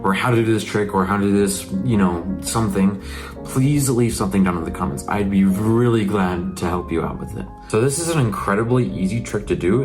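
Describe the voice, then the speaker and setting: Low-voiced man teaching casually over music. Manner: informal, repetitive instructing. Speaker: magic tutorial presenter. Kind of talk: casual step-by-step tutorial narration. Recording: music playing behind the voice.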